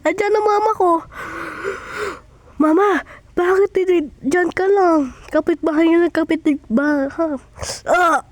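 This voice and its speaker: High-voiced woman doing a comedy skit, whiny and yelpy, slow drawn-out talk, dry close sound. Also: dry recording. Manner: excitable and whiny, often yelping and shouting. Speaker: skit creator. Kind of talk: comedic one-person skit.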